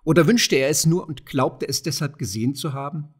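A man reading a classic fairy tale aloud in measured storytelling narration. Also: fairly high pitch, husky. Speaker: audiobook reader.

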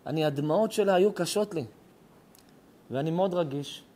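The middle-aged rabbi's voice is mellow and a little high as he shares a moving story within a moral sermon, rising and breaking with feeling. The setting is a synagogue or a home lecture hall.

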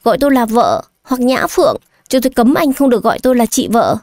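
A woman voicing an irritable, sharp-tongued young bride who scolds her husband, in an audio story. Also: fairly high pitch, sing-song, fast, no room sound, clean studio sound. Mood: irritated. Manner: snapping, scolding.

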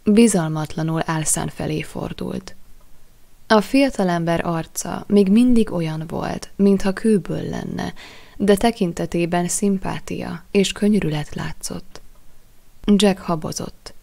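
A woman narrating an audiobook in a measured, expressive storytelling manner. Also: lowish voice, gravelly. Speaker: audiobook reader.

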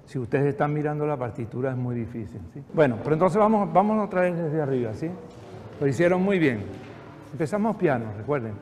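A man's voice: a little high, lively intonation, brisk, a little mellow. An older man directing a choir rehearsal, giving patient, encouraging instructions with a touch of dry humor. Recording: echoey hall, faint background noise.

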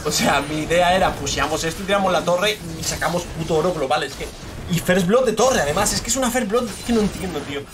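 A man's voice: high-pitched, fast, music in the background. A young man from Spain giving casual live commentary while playing a game, swearing and venting about teammates. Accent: Spain Spanish. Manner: excitable, swears, frustrated rants at teammates. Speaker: gaming streamer.

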